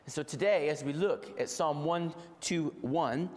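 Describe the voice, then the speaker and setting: Gravelly, congested man preaching in echoey hall. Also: fairly high pitch. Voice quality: gravelly from a head cold. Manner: measured, deliberate delivery with rhetorical repetition. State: congested with a head cold. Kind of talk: sermon to a congregation. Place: large reverberant room, speaking to a congregation. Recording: echoey hall with long reverb.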